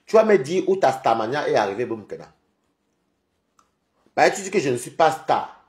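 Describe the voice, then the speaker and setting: A man's voice: mid-range voice, very animated, normal speed, a little mellow. A tired, sleepy man hosting a live stream, ranting at a rival and repeatedly calling her out with taunts. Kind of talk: confrontational live-stream rant. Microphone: phone.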